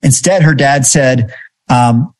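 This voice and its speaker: A man's voice: medium pitch, takes it slowly. A man in a podcast interview, telling a story in a reflective way with frequent fillers. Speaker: podcast host and guest. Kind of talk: conversational storytelling.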